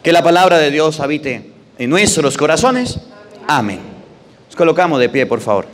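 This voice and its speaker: A priest preaches with insistent, repeated phrases, his rather high voice ringing through a big church. A long reverb trails every line. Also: very animated, moderate pace. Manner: emphatic, repetitive preaching. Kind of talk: homily and prayers at Mass. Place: large church. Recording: echoey church hall.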